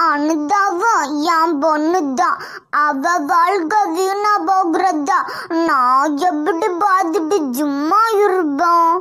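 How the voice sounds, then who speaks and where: A voice actor doing a tearful cartoon mother, very high. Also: pushed and bright, faint music behind, exaggerated voice. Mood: consoling. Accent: Kanyakumari Tamil. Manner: tearful, pleading, slow. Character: grieving middle-aged mother of the bride. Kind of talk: cartoon voice acting.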